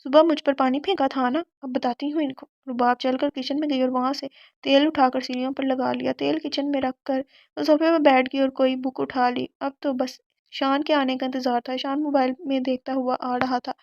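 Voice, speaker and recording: High-voiced woman reading a novel. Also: no room sound, lo-fi sound. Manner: steady storytelling. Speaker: audiobook narrator. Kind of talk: novel narration.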